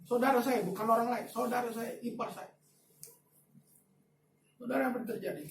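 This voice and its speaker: A man preaching a sermon as a pastor, telling a story with lively swings between soft asides and loud emphatic bursts. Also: very high voice, moderate pace, a little hiss or hum. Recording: echoey room, voice from a distance, faint ambience.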